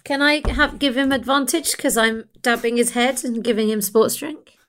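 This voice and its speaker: A woman's voice: fairly high pitch, fairly even intonation, moderate pace. A woman playing a tabletop role-playing game, chatting casually and jokingly.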